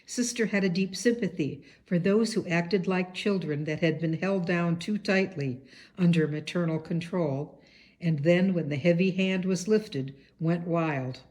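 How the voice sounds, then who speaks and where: Woman audiobook narrator, lower-pitched, steady and earnest, reading a biography. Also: a little slow. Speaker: audiobook reader. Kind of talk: read-aloud biography narration.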